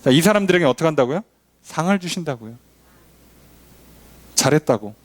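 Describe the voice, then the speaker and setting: A male pastor delivers a sermon in a church, pitched fairly high and moving through a wide melodic range. He keeps turning statements into rhetorical questions for his listeners. The sound is close and dry, with almost no room echo. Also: brisk. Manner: animated preaching with frequent rhetorical questions to the congregation.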